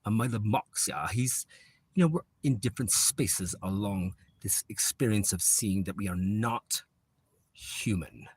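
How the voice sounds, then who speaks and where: A man's voice: lowish voice, measured pace, darkish tone, husky, no echo. A man on a livestream, talking in a rambling, repetitive spiritual monologue that drifts into whispers now and then.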